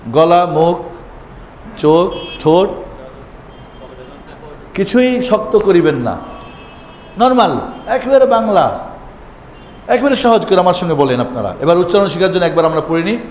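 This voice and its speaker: Male Quran teacher, a bit high-pitched, chants letters for repetition, echoey hall. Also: expressive, unhurried, long pauses, slight background noise. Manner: chants Arabic letter names loudly for repetition. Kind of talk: Quran recitation lesson. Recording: echoey hall with faint ambience.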